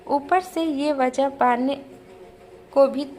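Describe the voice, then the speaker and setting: A woman's voice: sits high, steady tone, slow, a little mellow, slight background noise. A woman voicing a stern male college principal in an audio story, strict and commanding.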